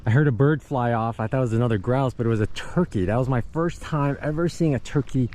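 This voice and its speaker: Speaking quickly in a medium-pitched, somewhat dark voice, this man in his fifties vlogs his long-distance hike. He's tired from the walking but keeps things casual and laughs a lot as he talks to the camera among the trees.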